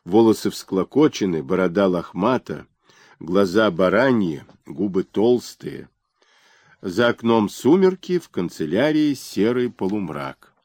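A man reading a historical novel aloud as an audiobook narrator, in expressive, unhurried storytelling. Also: fairly low pitch, no echo.

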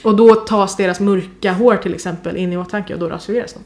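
A woman's voice: medium pitch, fairly even intonation, a little mellow. A young woman co-hosting a podcast, speaking thoughtfully and searching for words with many fillers. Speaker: podcast co-host. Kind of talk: casual discussion.

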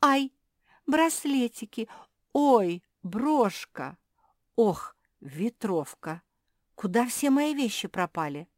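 A woman's voice: a little high, sing-song, takes it slowly, dry recording, clean studio sound, voice pushed up. A woman voicing a fussy girl character who wails and scolds. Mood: wailing. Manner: wailing, scolding.

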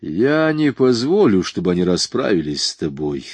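A man's voice: low voice, big pitch swings, moderate pace, a little mellow, husky, no echo, exaggerated voice. A man reading an audiobook voices a hardened young man who gives curt, commanding orders. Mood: cold. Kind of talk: audiobook dialogue.

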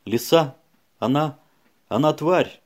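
A man's voice: a little high, animated, takes it slowly, pitched above the performer's own voice. A man voicing a panicked pleading woman. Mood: bitter. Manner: desperate, pleading, broken phrases. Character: frightened pleading young woman suspect.

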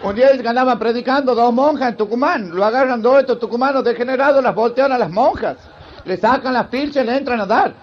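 A stand-up comedian with a Santiago del Estero accent tells bawdy jokes at a live show, ribbing the audience as he goes. His voice sits very high for a man. The recording is dull and lo-fi, with a faint crowd and noise behind him. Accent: Santiago del Estero Argentine Spanish. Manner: bawdy, rapid joke-teller who acts out characters and banters with the crowd. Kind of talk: live stand-up joke telling. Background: audience laughter.

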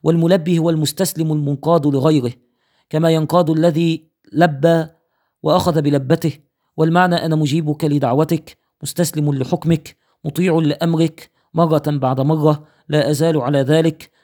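A man reads a jurisprudence text aloud at a quick clip, his voice mellow and a little higher than most men's. He counts off numbered points and names his sources in a measured teaching manner. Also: fairly even intonation. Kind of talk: reading a fiqh text aloud.

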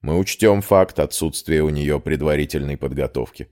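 A man's voice: extremely low pitch, normal speed, darkish tone. A man voicing a stern academy rector in an audiobook, speaking curtly and formally.

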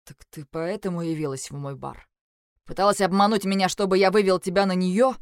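A woman's voice: brisk, creaky, a little mellow, dry recording, studio quality. A woman voicing an angry young man who speaks curtly and hisses his words in an audiobook. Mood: stern. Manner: low, hissing and curt.

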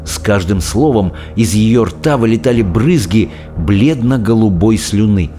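A man narrating a storybook in an expressive, dramatic way. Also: lowish voice, measured pace, faint music behind. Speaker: audiobook reader.

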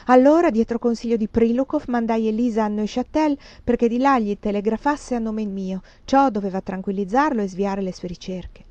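Woman, novel reading, expressive storytelling, lo-fi sound, dry room. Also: medium pitch, dry recording. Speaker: reader. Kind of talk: literary audiobook narration.

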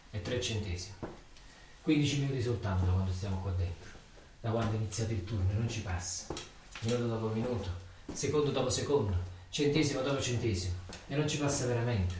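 A stage actor with a Neapolitan accent performs a theatrical monologue, telling his story in a colloquial, emphatic, repetitive way. His lowish, slightly mellow voice moves fairly quickly with frequent pauses, and he sits far from the mic in a roomy, echoey interior with faint noise.

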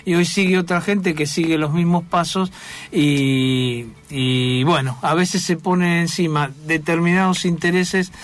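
A man with a Rioplatense Spanish accent, hosting a radio talk show, answering his guest with short agreeing replies. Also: fairly high pitch. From Argentina. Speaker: radio host.

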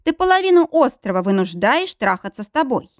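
A woman's voice: high voice, big pitch swings, a little fast, dry recording, clean studio sound, pitched above the performer's own voice. A woman voicing a jealous, grumpy man of seventy-five who grumbles and sulks. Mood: sulky. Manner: grumbling, sulky. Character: jealous grumpy 75-year-old man lover.

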